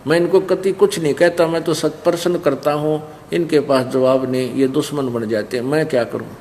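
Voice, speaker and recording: A man voicing a calm, earnest five-year-old boy in a sermon story. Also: fairly high pitch, normal speed, long reverb tail, a little hiss or hum, lightly acted.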